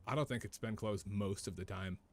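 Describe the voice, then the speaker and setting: A man's voice: fairly low pitch, fairly quick. A man streaming a video game, chatting casually as he plays and often repeating his own phrases. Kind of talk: casual live gameplay commentary.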